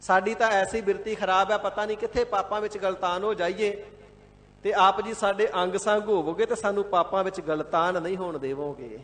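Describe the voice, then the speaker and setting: A man with a high voice gives a devout sermon, explaining scripture phrase by phrase in a measured way. Now and then he slips into a brief chant of a verse. His voice carries a long reverb from a large hall. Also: steady tone, fairly bright tone. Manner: devout, measured, repeats and glosses words, sometimes chants verses. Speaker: Sikh scripture expounder. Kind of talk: line-by-line scripture exposition sermon.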